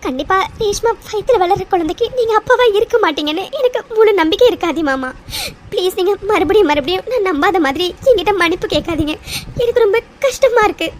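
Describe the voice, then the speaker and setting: A woman voicing a devoted young wife in a cartoon serial, pleading softly through tears. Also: extremely high pitch, lively intonation, fast talker, a little hiss or hum. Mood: tearful. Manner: tearful, soft and respectful pleading.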